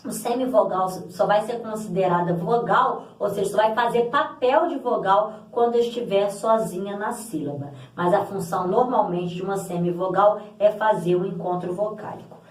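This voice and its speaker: A woman's voice: medium pitch, moderate pace, hardly any pauses. A woman teacher walks through a grammar lesson, explaining each point patiently and repeating example words aloud. Her voice sits in the middle range and carries a roomy echo. She sounds a little set back from the microphone. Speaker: Portuguese language teacher. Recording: echoey room, voice from a distance.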